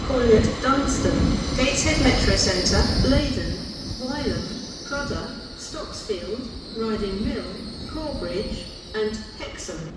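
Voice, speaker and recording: A woman announcing trains over a station loudspeaker, slowly and evenly listing calling points. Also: fairly high pitch. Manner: slow, even listing of station names. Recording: distant echoing loudspeaker in a long-reverb hall, noisy. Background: trains and station noise.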